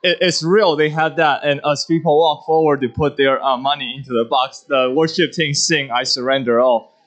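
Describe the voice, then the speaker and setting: A man's voice: on the high side, steady tone, a bit bright, lo-fi sound. Earnest man from Taiwan giving testimony. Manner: earnest, halting with many fillers. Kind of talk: church testimony.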